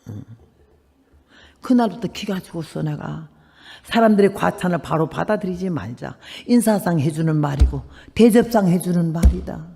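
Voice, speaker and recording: A woman's voice: on the low side, expressive, moderate pace, vocal fry, warm tone. A woman in her eighties, a missionary preacher, telling a story in a sermon and acting out the people in it. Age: 80s. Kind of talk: sermon with dramatic personal storytelling. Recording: long reverb of a church hall.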